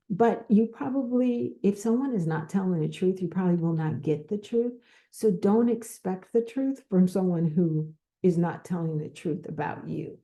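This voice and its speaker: A woman hosting a podcast, giving advice in an unscripted talk, speaking slowly with pauses and repeated words. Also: fairly low pitch, creaky, warm tone. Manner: slow, repetitive, with pauses and restarts. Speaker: podcast host.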